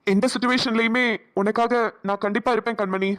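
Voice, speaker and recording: A woman's voice: a little high, steady tone, a little fast, fairly bright tone, close to an everyday voice. A woman voicing a caring young man in a cartoon drama, speaking in a soothing, coaxing, earnest way. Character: caring young man Karthik, gentle supportive friend.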